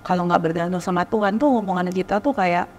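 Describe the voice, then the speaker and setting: A woman's voice: on the low side, fast talker, slight background noise. Chatty woman in a reverberant hall. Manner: chatty, tags sentences with "gitu ya". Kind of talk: panel discussion.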